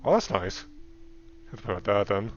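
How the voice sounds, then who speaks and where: Low-voiced man streaming a story game. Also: big pitch swings, moderate pace, slight background noise. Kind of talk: reading a visual novel aloud with casual asides. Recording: dull muffled sound, music behind.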